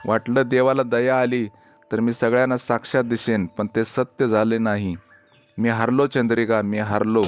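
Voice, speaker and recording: A man's voice: mid-range voice, level tone, normal speed, smooth, soft background music, natural voice. A man storyteller voicing a young cursed ghost prince who speaks with resigned sorrow. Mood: despairing.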